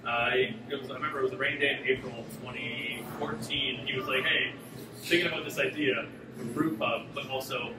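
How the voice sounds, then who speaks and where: A man's voice: medium pitch, a little fast, heavy background noise. A man, a brewmaster talking casually in an interview with lots of fillers. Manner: relaxed and chatty, many fillers. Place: brewery taproom with concrete block walls. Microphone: camera mic from a few meters away. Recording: echoey room, distant mic, loud music.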